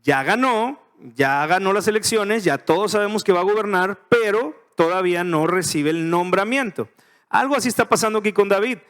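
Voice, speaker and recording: A middle-aged man with a Mexican Spanish accent leads a verse-by-verse Bible study. His voice sits high, and he talks in a chatty, joking way, often turning questions to his listeners. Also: normal speed, fairly bright tone, clear, resonant tone. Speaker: pastor teaching a Bible study. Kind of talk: casual verse-by-verse Bible teaching.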